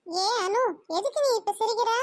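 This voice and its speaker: A woman's voice: extremely high pitch, moderate pace, dry recording, studio quality. A woman voicing a fussy, matchmaking middle-aged mother who scolds and orders people about in a cartoon. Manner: bossy, scolding. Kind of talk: cartoon voice acting.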